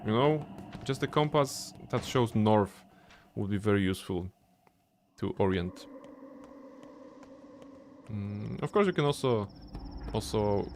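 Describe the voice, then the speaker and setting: A man's voice: on the low side, slight background noise. A man streaming a game, chatting casually and rambling with frequent restarts. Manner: rambling, restarts words, chuckles. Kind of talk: casual gameplay commentary.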